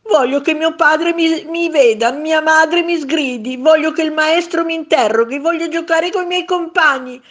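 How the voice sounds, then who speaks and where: Lady doing a little storybook boy, high squeaky pleading voice. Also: big pitch swings, measured pace, fairly bright tone, heavily acted. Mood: tearful. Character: anxious tearful young boy, invisible to everyone.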